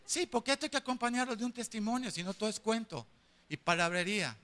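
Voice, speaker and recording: A man with a Mexican accent, a pastor giving a sermon, telling lively, humorous stories and acting out the dialogue of the people in them. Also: high voice, fast. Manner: animated, acts out dialogue of the people in his stories.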